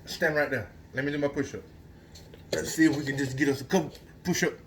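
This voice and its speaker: A man's voice: fairly high pitch, steady tone, fast, slight background noise. An American man chatting casually to his child and dog at home, coaxing repeatedly in an exasperated way. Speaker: parent filming a home video. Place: indoors at home.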